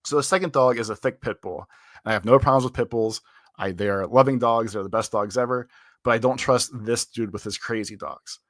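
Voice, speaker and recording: A man's voice: medium pitch, brisk, dry recording, clean studio sound. A man co-hosting a podcast, telling a long story in casual chat, full of "like" fillers and rambling. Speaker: podcast co-host.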